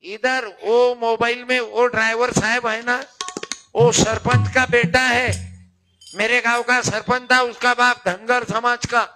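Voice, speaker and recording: Over loud accordion music, an older man with a very high voice preaches a folk kirtan, a devotional sermon with an audience. He is chatty and teasing, calling on members of the crowd.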